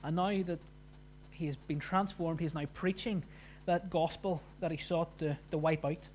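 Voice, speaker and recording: A man preaching a sermon, explaining scripture in an informal, conversational way with pauses. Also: fairly high pitch, fairly even intonation, darkish tone, a little hiss or hum.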